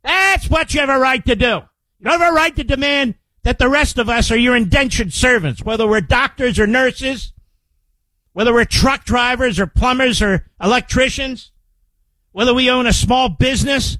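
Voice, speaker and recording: Very high-pitched and forceful, this older American man hosts a political talk radio program, speaking at normal speed in a bright tone. He is combative and emphatic, repeating phrases for emphasis, into a close studio microphone in a radio studio. The audio is poor but carries no echo.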